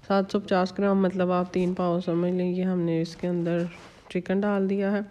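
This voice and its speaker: A woman's voice: on the low side, flat delivery, moderate pace, warm tone. Homely woman narrating a recipe. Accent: Pakistani Urdu. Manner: chatty, homely, explains step by step with fillers. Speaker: cooking channel host.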